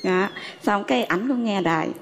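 A woman's voice: mid-range voice, moderate pace, long reverb tail, background noise. A woman in her thirties with a Southern Vietnamese accent, a dating-show contestant chatting shyly and politely on stage. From Dong Thap, Vietnam. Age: 30s. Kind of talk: casual on-stage chat. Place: TV studio.

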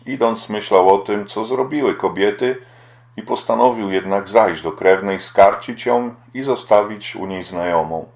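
Low-voiced man narrating an audiobook. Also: measured pace, darkish tone. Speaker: audiobook reader. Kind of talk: scripted narration.

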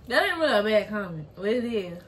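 A woman's voice: mid-range voice, big pitch swings, fast talker, fairly bright tone. A young woman in her teens chatting casually as a co-host on a vlog. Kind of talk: casual chat. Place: indoors, small room at home. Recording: faint background noise indoors.

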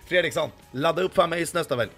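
A hoarse man livestreaming, reading the chat and talking in a crude, boastful, swearing banter. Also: on the high side, a bit bright, faint music behind.

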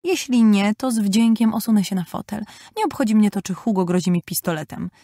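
A woman voicing a vain, prim youngest sister with a high, affected girlish voice. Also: brisk, dark tone, no room sound, clean studio sound, lightly acted. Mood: indignant.

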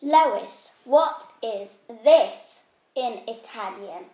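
A woman plays a patient teacher in a children's classroom skit. She speaks very slowly and clearly in a high voice, with moments of mock strictness. The recording has a roomy echo. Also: expressive, dark tone. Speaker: co-host playing a teacher.

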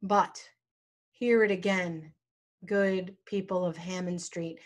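A middle-aged woman pastor preaching a sermon, telling a personal story with a slow storytelling cadence and dramatic pauses. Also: lowish voice, fairly even intonation.

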